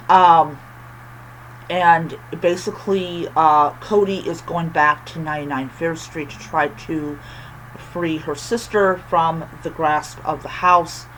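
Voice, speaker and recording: A book reviewer chats casually, speaking with a lisp and a whistling s caused by missing teeth, often halting and repeating phrases. The voice is mid-range with a fairly bright tone and fairly even intonation. The recording is rough, with slight background noise.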